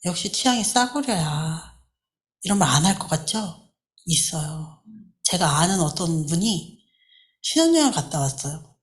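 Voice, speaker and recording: Animated Korean woman telling a church story. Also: deep voice, moderate pace, pauses often. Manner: animated storytelling, acting out quoted lines. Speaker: church teacher sharing a personal story. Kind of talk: church class talk.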